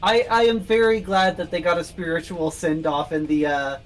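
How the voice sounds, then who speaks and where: A person chatting on a gaming stream, cracking wry, deadpan jokes. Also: mid-range voice, normal speed, faint music behind, low-quality recording. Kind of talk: casual chat while gaming.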